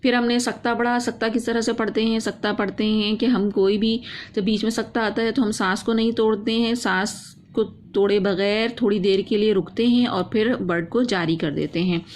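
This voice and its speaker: A woman teaching Quran reading in a step-by-step lesson. She asks questions, answers them herself, and recites words slowly and repeats them. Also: mid-range voice, steady tone, a little mellow, a little hiss or hum.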